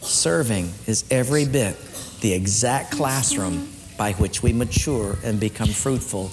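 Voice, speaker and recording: A man preaching a sermon as a pastor, swinging from loud raised lines down to quiet low ones. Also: unhurried, over music. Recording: long hall reverb, faint room noise.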